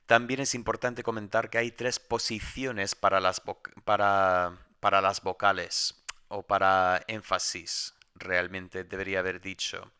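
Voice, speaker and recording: Bright, clear-voiced male Greek teacher. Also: low voice, little pitch movement, measured pace. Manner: explanatory, with many restarts. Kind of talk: recorded grammar lesson. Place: home.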